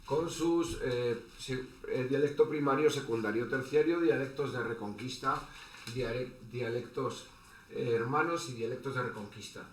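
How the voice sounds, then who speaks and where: A man giving an online lecture as a teacher, halting, with many fillers and restarts. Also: mid-range voice. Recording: echoey room with faint background noise.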